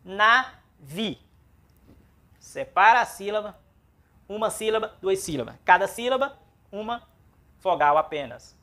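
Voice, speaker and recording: A woman's voice: mid-range voice, very animated, normal speed. A woman with a Brazilian Portuguese accent teaching a Biblical Hebrew class, spelling out syllables and repeating words aloud for practice. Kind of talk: classroom lesson.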